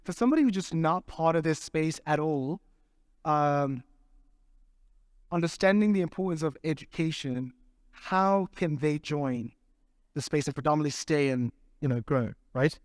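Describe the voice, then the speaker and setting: A man with a voice on the high side speaks at normal speed in a dry, studio-quality recording. At a conference, he takes audience questions in a loose, conversational way, repeatedly checking in with the room with "right?"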